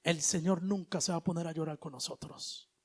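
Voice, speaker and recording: A male preacher giving an animated sermon, moving between loud exhortation and hushed asides, with casual slang. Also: a little high, brisk. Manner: colloquial, uses street slang.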